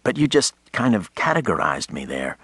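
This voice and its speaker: A man voicing a quick-witted young woman of about twenty in an audiobook, teasing and eager. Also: fairly low pitch, very animated, fairly bright tone, husky, dry recording, voice pushed up, exaggerated voice. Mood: playful. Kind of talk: audiobook character voice.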